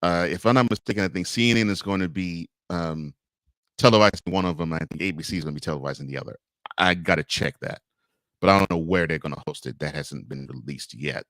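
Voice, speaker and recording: A man with a low, deep voice hosts a casual live morning show and reads viewer comments aloud. He is chatty and laughs often, and the sound is dry with little room echo. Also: fast talker, a bit bright. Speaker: host of a morning variety show.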